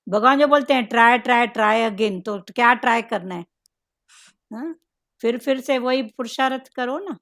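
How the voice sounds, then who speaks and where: A woman giving a devotional talk to a group as a spiritual teacher, musing slowly with frequent "hmm" fillers. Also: on the high side, fairly bright tone.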